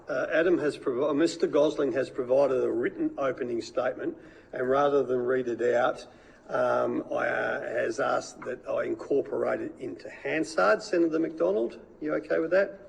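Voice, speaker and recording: Aussie bloke chairing a hearing, super gravelly raspy voice, informal, trips over formal wording. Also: male voice, mid-range voice, moderate pace, poor audio. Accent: Australian. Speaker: senator chairing a committee hearing.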